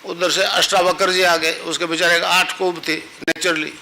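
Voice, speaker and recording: A man's voice: high-pitched, little pitch movement, moderate pace, bright, forceful tone, slight background noise, poor audio. An older man, a spiritual guru, giving a devotional sermon, telling a story and patiently repeating a mantra for his listeners.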